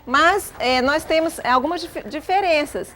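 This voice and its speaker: A Brazilian woman teaching a class of pupils, patiently asking guiding questions and filling her pauses. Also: high voice, fairly bright tone, a little hiss or hum. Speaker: schoolteacher.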